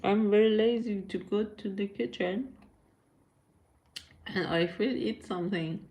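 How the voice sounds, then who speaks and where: A young woman chatting casually with her viewers on a live stream from home, in halting non-native English and laughing often. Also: mid-range voice, a little mellow.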